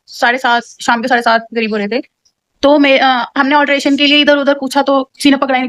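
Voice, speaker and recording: A young woman vlogging from home, telling a story in a chatty, animated way and dropping English words into her talk. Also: on the high side, no echo. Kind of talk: casual chatty vlog. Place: home, indoors.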